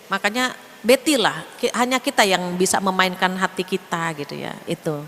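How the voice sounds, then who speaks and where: A woman's voice: lowish voice, normal speed, long reverb tail. A woman preacher giving a casual religious lecture in a chatty way, acting out bits of everyday talk. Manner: chatty, acts out quoted speech in lively voices. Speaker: female Islamic preacher.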